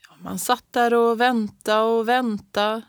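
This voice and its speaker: A woman reading a playful aunt who speaks in a soft, secretive way. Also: on the high side, steady tone, clear, resonant tone, no room sound, clean studio sound, voice pushed up, lightly acted. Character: warm young aunt, playful and hushing.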